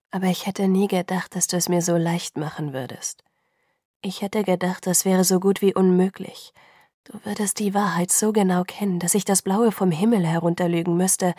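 A woman reading the lines of an intense, remorseful young man in love, soft, hushed and pleading. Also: lowish voice, husky, dry recording, clean studio sound.

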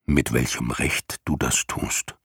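A calm, wise dragon speaks in a very low, husky murmur, as a man reads him in a storybook. He paces his words slowly and sounds hushed and measured. The recording is dry and close. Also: dry recording, full character voice. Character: calm wise luck dragon, listening and translating.

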